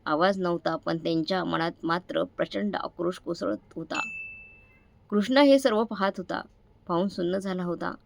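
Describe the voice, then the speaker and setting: A woman reading an emotional story aloud in a dramatic, expressive storytelling style. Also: on the low side, moderate pace, creaky, slight background noise. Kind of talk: scripted story narration. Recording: dry close recording.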